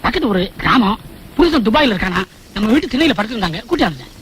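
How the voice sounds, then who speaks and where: A man's voice: high-pitched, sing-song, quick pace, a bit bright, husky, exaggerated voice. An actor playing a flustered middle-aged village father who blurts startled grunts in a film comedy. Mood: bumbling. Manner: bumbling, with frequent startled "aa?" grunts. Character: fussy, flustered, smitten widowed village father. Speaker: father of a grown daughter. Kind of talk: Tamil film comedy dialogue.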